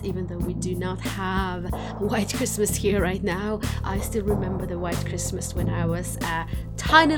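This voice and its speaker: A woman, hosting a casual solo podcast from home, chatty and laughing lightly between phrases. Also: medium pitch. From Finland. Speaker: podcast host.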